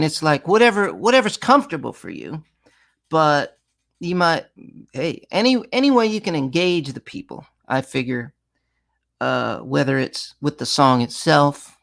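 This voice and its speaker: A man's voice: fairly high pitch, gravelly, a bit bright. A man leading a songwriting masterclass, talking casually with many restarts and sudden sung examples. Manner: conversational, full of restarts, breaks into sung and acted examples. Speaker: songwriting teacher.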